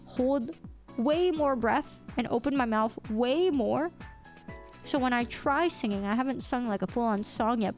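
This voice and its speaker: Young woman, streamer, casual chat, slight lisp, a bit nasal, a little sick, rambling and self-teasing. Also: on the high side. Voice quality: somewhat nasal. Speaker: VTuber streamer.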